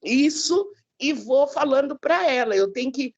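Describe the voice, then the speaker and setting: A woman from Brazil tells a personal story to her Bible class in a chatty, conversational way, often ending with tag questions. Her voice is high. It rises and falls in a lively way. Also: measured pace, dull audio. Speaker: class participant.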